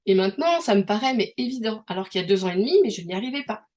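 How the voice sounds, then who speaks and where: A woman's voice: medium pitch, lively intonation, rapid-fire, a little mellow. A young French woman co-hosting a podcast, giving casual advice in a chatty way with many fillers and restarts. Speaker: podcast co-host.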